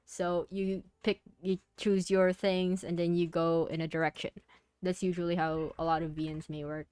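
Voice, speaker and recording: A young woman streams and chats casually with her viewers. She talks softly and rambles, working her thoughts out aloud as she goes. Her voice sits a little low for a woman and sounds smooth and clear, with a close, dry sound. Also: level tone, moderate pace, no echo. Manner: rambling, soft-spoken, talks herself through thoughts. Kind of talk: casual chat.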